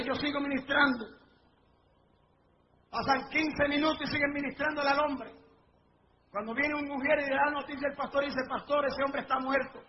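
High-voiced fervent male evangelist preaching. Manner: fervent storytelling, rising to shouts at climaxes. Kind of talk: live revival sermon with testimony. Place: church or revival meeting before a live congregation. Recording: dull lo-fi recording with faint noise.

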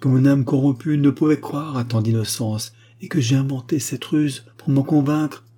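A man's voice: medium pitch, moderate pace, dark tone, pitched above the performer's own voice, close to an everyday voice. A man voicing a remorseful, tender aristocratic mother in an audiobook reading, earnest and confiding.

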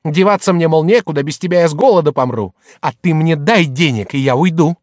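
Man voicing a shrill, jeering merchant's wife. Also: a little fast, dry recording, studio quality, natural voice. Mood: tearful fury. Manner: loud, mocking, hectoring. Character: shrill jealous merchant's wife, middle-aged, scornful.

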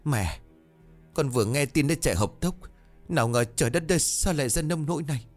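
A youngest daughter crying and pleading her case, read by a male storyteller, her voice rising higher with tears. Faint music hums behind her. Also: animated, a little fast, a little mellow. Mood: wailing. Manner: sobbing, pleading. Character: tearful defensive youngest daughter.

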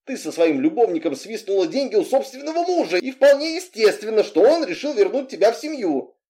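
A man's voice: sits high, big pitch swings, fairly quick, warm tone, pitched above the performer's own voice. Audiobook tough guy, blunt and wary, clipped lines, darkish voice, read by a man. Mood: scornful. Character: tough seasoned male bodyguard, blunt and wary.

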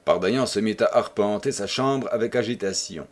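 A man narrating a classic novel as an audiobook, with expressive storytelling. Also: on the low side, normal speed. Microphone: home microphone.

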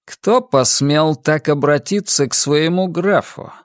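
A man's voice: sits high, expressive, unhurried, husky, dry recording, studio quality, voice pushed up, exaggerated voice. A man voicing a young, hot-tempered count who speaks angrily, defiantly and with menace. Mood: menacing. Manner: angry, defiant, threatening.

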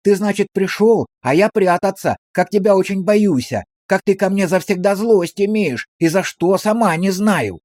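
A man's voice: high-pitched, very animated, fairly quick, few pauses, a little mellow, slightly rough, no room sound, clean studio sound, pitched above the performer's own voice, full character voice. A man reading aloud voices a wheedling village woman who pleads in a sing-song, coaxing way.

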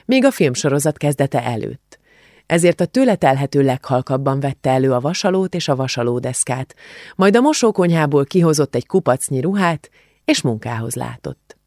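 A man narrating an audiobook in a calm, measured, even reading voice on a close studio mic. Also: mid-range voice, gravelly, no echo.

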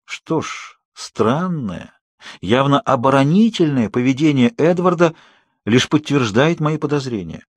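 A man narrating an audiobook in a steady, measured storytelling manner. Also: medium pitch, breathy edge, no room sound. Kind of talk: scripted narration.

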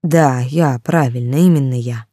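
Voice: medium pitch, a little slow, mellow, breathy edge, no echo, studio quality. Ash, a cruel jealous warlord, read by a narrator. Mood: menacing. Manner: threatening, contemptuous. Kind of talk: audiobook character reading.

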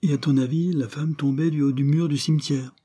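A man voicing a sharp, commanding detective in an audiobook, firing off brisk questions and orders in a raised, higher voice. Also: steady tone, slightly rough. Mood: brisk, probing. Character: sharp, commanding male detective, mid-life.

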